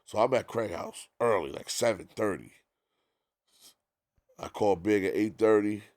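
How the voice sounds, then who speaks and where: A middle-aged man telling stories casually as a guest, animated and profane. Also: on the low side, moderate pace, no room sound, clean studio sound. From New York. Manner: animated, profane, full of quoted dialogue. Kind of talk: casual storytelling.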